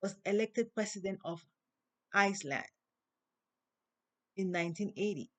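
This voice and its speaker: A woman with a non-native English accent delivers an inspirational monologue as host. She speaks slowly and deliberately, like a preacher, and her voice rises on the words she wants to stress. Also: medium pitch. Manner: slow, preaching, emphatic rises.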